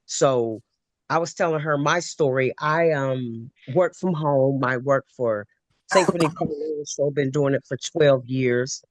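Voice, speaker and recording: An Ohio woman joins a webinar and chats casually and at length, rambling through stories with plenty of fillers. She has a bass voice and an unhurried delivery, in a dry recording.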